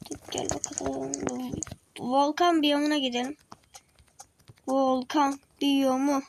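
A high-pitched young woman chatters her way through a video game, excitable and quick to react. She keeps talking to her viewers and to the creatures on screen, and now and then drops to a whisper. A clear hiss of background noise sits under her voice. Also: poor audio. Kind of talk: casual gameplay commentary.

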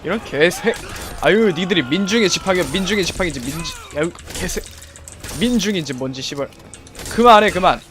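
A young male streamer with a high, lively voice that leaps all over the place, swearing freely and yelling at enemies as he plays. Faint game music runs under his commentary. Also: fairly quick. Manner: swears often, shouts in reaction to the action. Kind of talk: live gameplay commentary.

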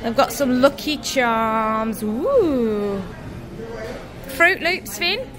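A woman's voice: on the high side, lively intonation, drawn-out words. A woman filming a casual family vlog, chatting upbeat about breakfast with her kids in a large diner. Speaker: family vlogger and mother.

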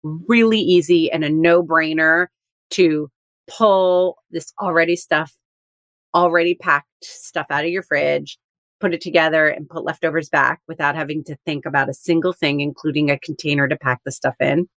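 A woman with a fairly low voice co-hosting a food podcast, chatting eagerly and laughing easily. Her sound is dry and close, with no room around it. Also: fairly even intonation, normal speed, fairly bright tone, no room sound. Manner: enthusiastic, talkative, laughs often. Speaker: podcast co-host. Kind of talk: casual chat.

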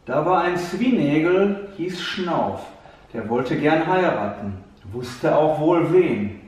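A man gently telling a fairy tale to a child, speaking to the listener directly, heard from a distant mic in an echoey room. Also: a little high, lively intonation, takes it slowly. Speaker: storyteller.

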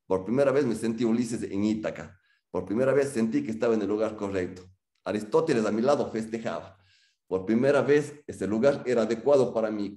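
A man's voice: medium pitch, roomy sound. A man, telling a humorous personal story and acting out the people he quotes. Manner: humorous, animated, acts out quotes.

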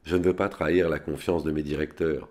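A man's voice: fairly even intonation, brisk, darkish tone. A man reading as a frail, frightened Swiss bank clerk. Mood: pleading. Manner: pleading, shrill outbursts.

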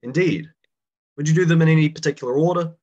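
Slightly high, fast, and a little mellow, a young man's voice comes through a muffled recording as he teaches an online class by video call. He has a slight cold that makes him a touch raspy, and he chats casually while quizzing his students.

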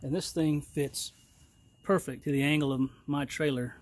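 A middle-aged man gives a plain, unhurried product review outdoors in his yard, talking to a handheld camera. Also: on the high side, fairly even intonation, a little mellow. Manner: plain, unhurried, folksy talk with fillers. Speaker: channel host reviewing a trailer tool box. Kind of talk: casual product review vlog. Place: outdoors in a yard beside a trailer.

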